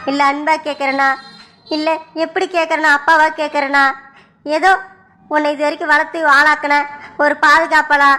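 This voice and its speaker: A woman voicing a loving widowed father in a village cartoon, who coaxes gently and repeats himself. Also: high voice. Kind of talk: cartoon voice acting.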